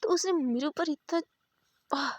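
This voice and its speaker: A flustered, resentful young waiter, played by a woman narrator, stammering and grumbling in a high voice. The sound is dry and close-miked. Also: measured pace, no echo.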